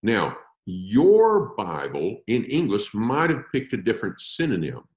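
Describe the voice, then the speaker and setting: Lively, echoey male Bible teacher. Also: lowish voice. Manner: animated, emphatic, slows down to stress words. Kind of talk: classroom-style Bible lecture.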